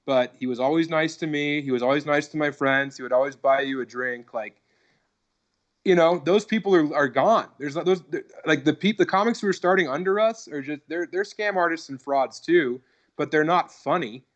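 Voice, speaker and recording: With highs cut off, the audio captures a fairly high-voiced man talking at normal speed. The thirty-something Colorado comedian chats casually as a podcast guest on a video call, meandering, swearing, and repeatedly using "like" and "dude."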